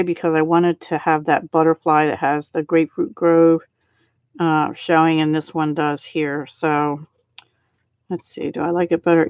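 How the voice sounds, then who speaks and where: A middle-aged woman with a low voice hosts a casual live card-making stream, speaking softly and thinking aloud as she works and chats with viewers. The home stream audio is dry, with no echo, and slightly dull.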